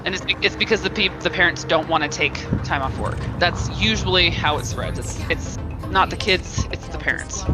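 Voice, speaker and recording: A woman's voice: lowish voice, normal speed, music in the background, rough recording. An American woman in casual chat, candid, rambling and freely swearing.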